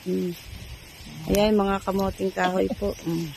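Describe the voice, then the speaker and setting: A woman vlogger with a gravelly voice who speaks in short, polite murmurs and brief encouraging remarks. Faint noise lies behind her. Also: mid-range voice, level tone, takes it slowly, a little mellow, poor audio. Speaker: charity vlogger. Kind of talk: casual vlog chat.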